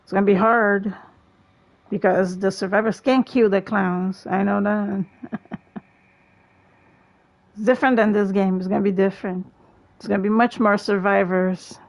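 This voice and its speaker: A woman's voice: medium pitch, fairly even intonation, normal speed, pauses often. A young woman livestreaming a game from home, chatting casually and playfully with teammates and laughing often. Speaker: gaming livestreamer. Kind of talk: casual live gameplay chat. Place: home, in a gaming chair.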